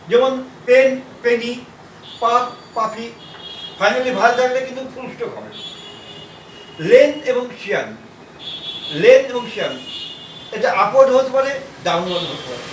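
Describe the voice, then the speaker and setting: A man teaching shorthand in a classroom style, pausing and repeating words as he writes out examples. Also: very high-pitched, noisy background. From India. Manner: halting, repeats words while writing. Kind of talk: classroom lesson. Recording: echoey room, mic far off.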